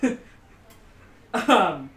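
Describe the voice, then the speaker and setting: A woman's voice: drawn-out words, fairly bright tone, a little hiss or hum. A woman player in a tabletop game, joking and swearing freely, recorded in a roomy space on a distant mic. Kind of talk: casual chat at a tabletop game.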